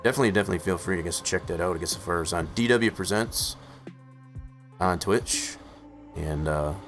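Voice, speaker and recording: Male streamer, deep voice, hoarse, rambling filler-heavy chat, soft music underneath. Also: brisk. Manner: rambling, full of "uh" and "I guess, as far as" fillers. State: hoarse, losing his voice. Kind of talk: casual live-stream chat. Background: faint music playing in the background.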